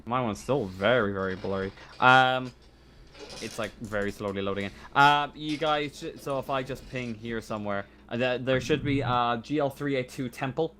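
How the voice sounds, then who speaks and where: Running a tabletop game without a script, a man acts as game master in a medium-pitched, slightly bright voice. He is hesitant and halting, often correcting himself.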